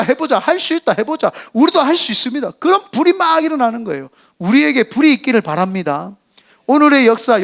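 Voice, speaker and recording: A man with a rather high voice preaches a church sermon. He moves between a quiet, low delivery and sudden loud, rising calls to get up and try again. Now and then he acts out the mockers' scornful voices. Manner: impassioned preaching, acting out quoted voices of mockers and encouragers. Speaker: senior pastor. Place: church sanctuary.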